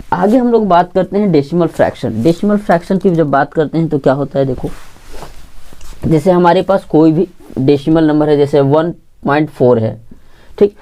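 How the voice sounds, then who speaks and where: Low mellow-voiced lady teaching math online, keeps asking "what is it?" and answers it herself, says theek a lot. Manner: asks the class questions and answers them herself; repeats key points, says "theek" often. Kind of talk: online lesson for exam preparation.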